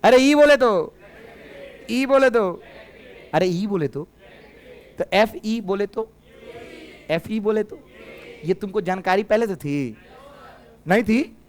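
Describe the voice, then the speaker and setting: A man's voice: high voice, animated, takes it slowly, long pauses. A middle-aged man teaching physics in a classroom, with a Bhojpuri-tinged Hindi accent, teasing students and drilling them in call-and-response. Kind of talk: lively classroom lecture.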